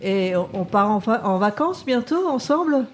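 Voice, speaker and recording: An older woman, a regular on a radio chat show, who talks playfully and teases with excited interjections. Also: medium pitch, moderate pace, a little hiss or hum. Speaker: regular panelist.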